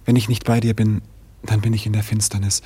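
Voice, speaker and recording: A lowish, dark male voice, husky and fairly quick, gives a flat delivery as a proud, ardent seafaring trader prince in a German radio drama. The actor's solemn, poetic declamation here feels ardent and intimate.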